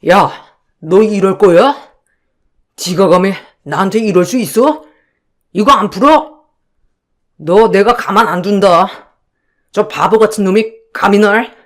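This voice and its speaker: Brief: man doing high-pitched swindler friend, pushy and shameless, audio-drama read. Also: a little slow, pauses often. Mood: furious. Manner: wheedling, then abusive and threatening. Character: brazen smooth-talking male con man, old school friend. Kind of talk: storybook audio drama acting.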